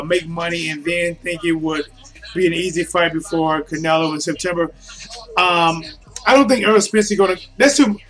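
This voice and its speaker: High-pitched man giving casual fight commentary. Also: a bit bright, rough recording. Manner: colloquial, addresses listeners as guys and man. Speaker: boxing commentator streaming to viewers.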